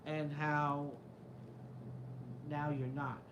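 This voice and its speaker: Reading out a casual live chat, this New York-area show host talks very slowly in a level tone, his voice on the high side. The audio is dull, with echo and background noise. His New York Italian-American accent comes and goes as he rambles, stays skeptical and swears freely.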